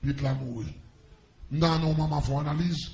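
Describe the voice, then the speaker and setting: A man's voice: a little high, fairly even intonation, moderate pace, vocal fry, a little mellow, echoey room. A man with a Haitian accent preaching a testimony to a congregation, calling out to them with fervor. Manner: impassioned preaching with call-outs to the congregation.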